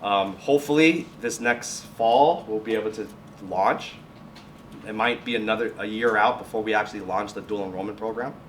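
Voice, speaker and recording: At a normal speed and on the low side, a man presents informally to a group as a guest speaker, a high school biotech and science teacher fielding questions. He frequently restarts and fixes his phrases. Sound comes from a distant mic in an echoey college classroom or lab, with faint noise.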